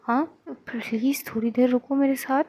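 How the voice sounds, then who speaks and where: A woman's voice: high voice, fairly even intonation, normal speed, a little mellow, voice pushed up. A woman voicing a flustered, caring young woman who hesitates and stumbles over her words.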